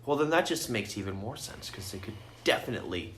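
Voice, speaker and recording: This podcast host has a fairly low but slightly bright voice and speaks quickly and with animation. He's a co-host arguing and cursing through a laid-back conversation about films, recorded in an echoey room with noticeable background noise.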